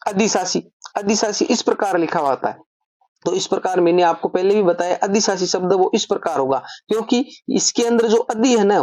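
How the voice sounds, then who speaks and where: A woman's voice: fairly low pitch, mellow, dry recording. A woman teaching an online grammar lesson, explaining step by step and asking and answering her own questions.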